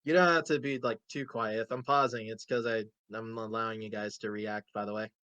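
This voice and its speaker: A man's voice: lowish voice, fairly even intonation, a little fast, sharp tone, no room sound. A man hosting a casual talk show, rambling through game lore with plenty of fillers and restarts. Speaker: host. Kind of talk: casual podcast chat.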